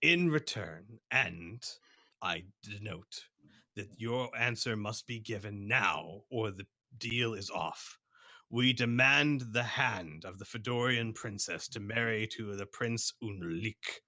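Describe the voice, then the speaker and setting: A man's voice: fairly low pitch, animated, slow, sharp tone, full character voice. A man voicing an imperious, impatient envoy of a galactic empire in a tabletop game, formal, demanding and pompous. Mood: stern, demanding.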